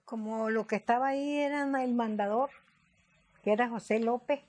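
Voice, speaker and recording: A woman's voice: on the high side, darkish tone. Guanacaste woman in her nineties reminiscing. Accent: Costa Rican, Guanacaste. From Guanacaste, Costa Rica. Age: 90s. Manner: reminiscing, plain-spoken, halting with restarts. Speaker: interviewee. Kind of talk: documentary interview.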